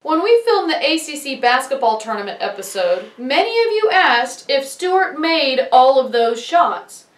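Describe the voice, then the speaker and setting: Woman narrator, high voice, wry and light, recorded roomy and off-mic. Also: big pitch swings, moderate pace, hardly any pauses. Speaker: video narrator. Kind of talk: scripted voice-over narration. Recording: echoey and distant.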